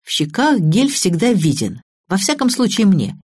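A woman's voice: medium pitch, big pitch swings, normal speed, a little mellow, husky, dry recording, clean studio sound, voice pushed up. A woman reading the part of a confident young male tech expert in an audiobook, speaking firmly and decisively.

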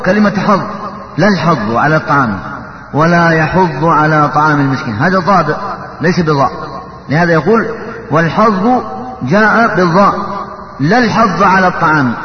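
A man teaching Quran recitation, explaining how letters are articulated and slipping into slow chanted verses. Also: on the high side, a little hiss or hum. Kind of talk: tajwid lesson. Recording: echoey hall, dull lo-fi sound.

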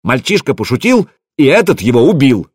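A man voicing a furious, grieving Viking warrior who shouts shrilly and hysterically. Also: mid-range voice, animated, measured pace, no echo, studio quality, pitched above the performer's own voice. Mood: hysterical rage.

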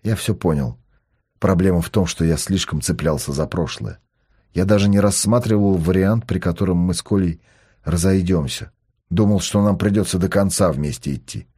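Guy doing a grown son, calm and earnest, lowish husky voice. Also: moderate pace. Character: calm grown son, newly resolute businessman.

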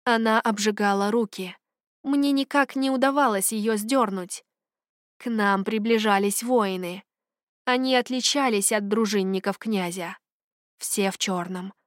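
A woman reads a first-person adventure tale aloud with expressive, dramatic delivery. Her voice sits at an ordinary middle pitch for a woman. The recording is dry, with no room sound. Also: unhurried, no echo. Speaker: audiobook narrator. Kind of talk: first-person fiction narration.

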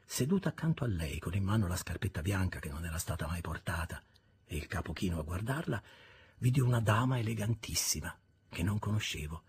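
Rich: A man narrates a classic novel in an expressive, measured storytelling manner. His voice is very husky and breathy, with a lively, wide-ranging melody. The pace is unhurried and literary. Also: deep voice. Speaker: audiobook reader. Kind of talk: literary audiobook reading.

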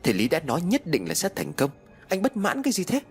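A man voicing a harsh, domineering old mother-in-law who scolds and shouts in an audiobook. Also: mid-range voice, big pitch swings, fast talker, soft background music, lightly acted. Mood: furious scolding. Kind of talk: audiobook character voice.

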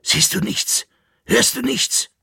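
A man's voice: on the low side, sing-song, a little slow, breathy edge, no echo, clean studio sound, heavily acted. A man voicing a timid, grumpy old fiddler and jester who scolds his friend and is easily frightened, in an audiobook. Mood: fearful. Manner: scolding and fearful.

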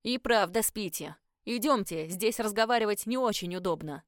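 A woman's voice: medium pitch, normal speed, no room sound, studio quality, close to an everyday voice. A woman reading the lines of a flirtatious, confident male ship captain in an audiobook, in a teasing, assured manner.

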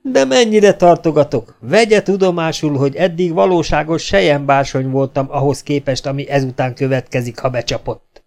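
Man doing a gruff blustering legion sergeant. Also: medium pitch, fairly even intonation, darkish tone, natural voice. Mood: grumbling. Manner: blustering, threatening.

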